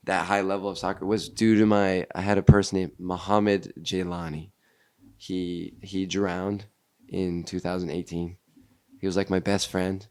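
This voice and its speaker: A young American man in his twenties speaks as a podcast guest, earnest and halting, often restarting his sentences. His voice sits a bit on the low side. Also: clear, resonant tone. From Seattle, USA. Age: 20s. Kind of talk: casual conversation.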